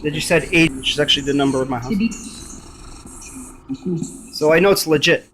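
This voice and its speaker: A man with a slightly high, steady voice speaks fairly quickly while giving a casual, hands-on gadget demonstration that's emphatic and repetitive. The room is noisy, with a crowd in the background, device static, and radio scanning static.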